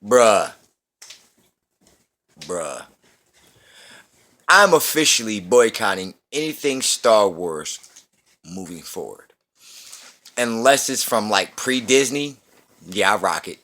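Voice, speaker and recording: A man's voice: fairly low pitch, animated, measured pace, sharp tone. A man in his thirties ranting in a casual movie review, profane, slangy and repeating himself. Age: 30s. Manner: slangy street talk.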